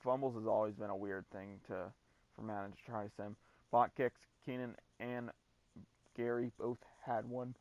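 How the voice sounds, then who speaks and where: Guy with a lowish voice doing chill gameplay commentary, casual, swears a bit. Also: steady tone, normal speed, darkish tone, highs cut off. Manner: laid-back, swears casually. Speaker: gaming video host.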